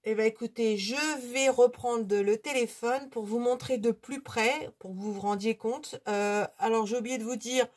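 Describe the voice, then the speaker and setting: A woman's voice: fairly high pitch, moderate pace, hardly any pauses, a little mellow. Chatty woman hosting a hobby vlog. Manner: chatty, hesitant, many fillers. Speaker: hobby channel host. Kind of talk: casual unscripted product review.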